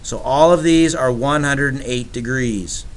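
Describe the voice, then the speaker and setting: A man's voice: medium pitch, a little slow. A man teaching geometry to a class, upbeat and teasing with his students, in a classroom. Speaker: math teacher. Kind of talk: classroom lecture.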